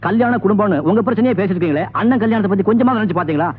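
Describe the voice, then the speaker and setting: Man playing a sardonic village landowner, very fast talk, somewhat high voice, tinny old film sound. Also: a little hiss or hum, close to an everyday voice. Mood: defensive. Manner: quick, sardonic, quick-tempered toward his sisters. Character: debt-laden village landowner, older brother. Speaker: film actor.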